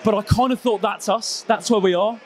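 A man's voice: high-pitched, fairly even intonation, brisk, a little mellow. A young man hosting a casual football chat, steering the talk with questions to his guests on a handheld mic. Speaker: podcast host. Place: small studio set with a painted wall backdrop.

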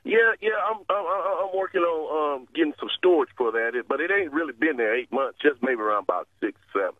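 Over a dull, lo-fi phone line, a stubborn and combative man, the target of a prank call, argues and repeats himself. His voice is fairly high, animated, and brisk, and the recording is dry.

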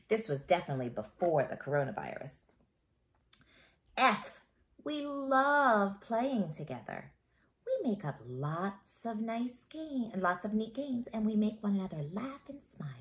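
Reading a picture book to young children, this middle-aged elementary school teacher sounds expressive and encouraging, breaking off to ask the kids questions. Her voice is on the low side.

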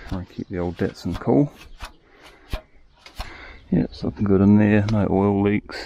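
A man casually explaining his work at an outdoor sawmill yard, recorded on a head-mounted camera, relaxed and thinking aloud. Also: fairly low pitch, unhurried, vocal fry, muffled recording, a little hiss or hum. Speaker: sawmill operator. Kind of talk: casual first-person narration. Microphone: head-mounted action camera.

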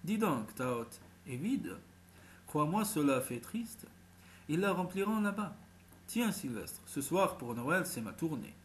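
A man's voice: on the high side, very animated, a little slow, slight background noise. Friendly bistro barman, teasing and generous, read by a male narrator.

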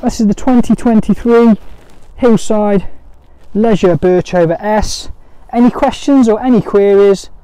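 Male dealer, fairly high mellow voice, upbeat patter, handheld phone by a van. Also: measured pace, clear, resonant tone, no echo. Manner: upbeat sales patter, often repeats words. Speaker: motorhome dealer presenter. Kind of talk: walk-around sales video. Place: outdoors beside a camper van, then inside it. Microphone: phone camera held by the speaker.

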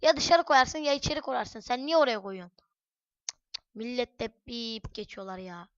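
A woman giving chatty let's-play commentary on a headset mic at home, cursing and breaking into loud shouts. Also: on the high side, animated, unhurried, no room sound, lo-fi sound. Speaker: gaming channel host. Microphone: headset microphone.

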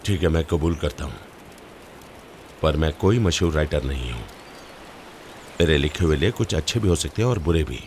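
A man's voice: rumbling low, expressive, moderate pace, long pauses, darkish tone, slight background noise. An actor dubbing a wary young male writer in a romantic film, dry and suspicious in his questions. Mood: resigned. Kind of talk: Hindi film dub.

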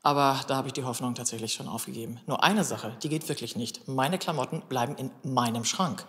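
An actress playing a sarcastic aunt who scolds in a scripted reality TV drama. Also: female voice, a bass voice, brisk, a bit bright. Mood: scolding. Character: teasing, scolding adult aunt. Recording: echoey room.

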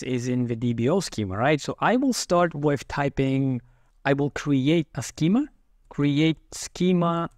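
A man narrating a screen-recorded software tutorial, explaining each step calmly and methodically as he types. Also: mid-range voice, dry recording, studio quality. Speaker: software instructor.

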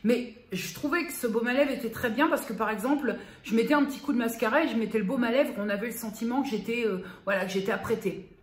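A woman's voice: on the high side, fast talker. A woman vlogger chatting casually and familiarly to her viewer, a little self-mocking. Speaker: beauty vlogger. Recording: roomy echo, faint background noise.

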